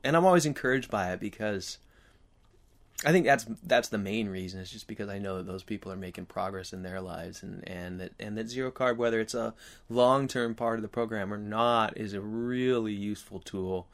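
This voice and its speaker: A video host speaks casually to his viewers in a lowish, creaky voice. He comes across as earnest and reflective, his phrasing halting and rambling, with a slight whistle on his s sounds.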